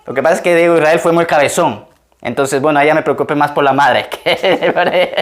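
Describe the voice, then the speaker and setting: A pastor delivers a sermon in a relaxed, conversational way. He keeps turning to his listeners with questions and laughs often at his own stories. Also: on the high side, a little fast, slight background noise. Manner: conversational, asks the congregation questions.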